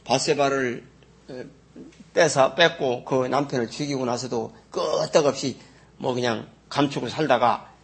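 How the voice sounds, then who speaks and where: Gravelly, husky male pastor preaching. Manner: animated, swings from loud exclamations to low asides; slow, drawn-out scripture reading. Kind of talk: sermon with scripture reading.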